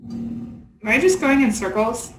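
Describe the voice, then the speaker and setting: A woman's voice: a little high, lively intonation, measured pace, a bit bright, reverberant, low-quality recording. A woman from the Pacific Northwest playing a video game as co-host, chatting and giggling often. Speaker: co-host and player. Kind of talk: casual chat.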